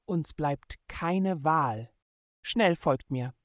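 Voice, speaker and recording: A man's voice: a little high, drawn-out words, no echo, studio quality. Man reading a curt, commanding rider. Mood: urgent. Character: commanding male rider, terse leader.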